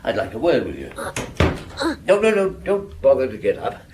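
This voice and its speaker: An actor playing a patient middle-aged chief inspector in a radio drama, questioning deliberately and kindly. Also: male voice, mid-range voice, huge pitch swings, noisy background. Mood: gently probing. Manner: questioning, deliberate, gently coaxing. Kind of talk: naturalistic radio drama acting.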